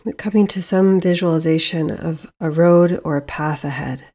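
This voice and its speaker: A woman hosts a meditation podcast, guiding listeners in a lowish voice with a dark, relaxed tone. Her delivery is measured and soothing, with plenty of pauses.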